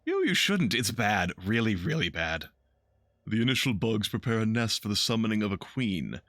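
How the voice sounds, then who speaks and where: A flamboyant painted male elf, voiced by a man reading a game aloud, playful and mocking as he lectures, his pitch leaping around with lively bounce. The voice comes through bright and dry. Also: moderate pace, no echo.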